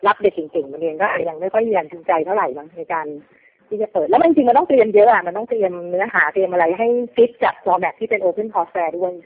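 A woman guest talking fast on a casual phone interview, with many restarts. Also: mid-range voice, animated, husky. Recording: tinny phone line.

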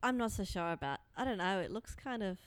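A woman's voice: medium pitch, lively intonation, a little fast, clear, resonant tone, dry recording. Giggly Australian woman co-host. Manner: giggly, teasing. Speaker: podcast co-host. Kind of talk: casual chat.

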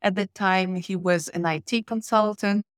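Podcast guest and change and communication manager, this woman from Switzerland and southern Italy speaks Italian natively. In a mid-range voice she gives steady explanations, pausing frequently with "uh." Her audio is close and dry, free of room sound.

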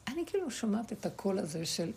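A woman's voice: mid-range voice, very animated, creaky, a little mellow, a little hiss or hum. A woman leading a spiritual teaching for a small group, speaking emphatically, repeating her words and firing rhetorical questions at her listeners.

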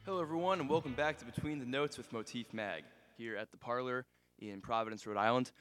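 A man of twenty-one hosting a casual interview at a music venue, asking relaxed questions with plenty of fillers. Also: medium pitch, fast. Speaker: interview host. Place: music venue after a live set.

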